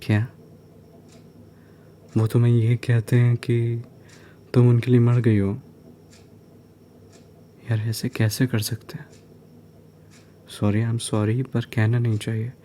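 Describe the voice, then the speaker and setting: A man speaks in a whispered role-play as a kind neighbour comforting someone who is upset. His voice is mellow and unhurried, soft and soothing, slipping English phrases into Hindi. Faint room ambience sits behind him. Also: medium pitch, completely flat delivery, a little hiss or hum. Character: caring male neighbour comforting a crying woman. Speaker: ASMR role-play creator.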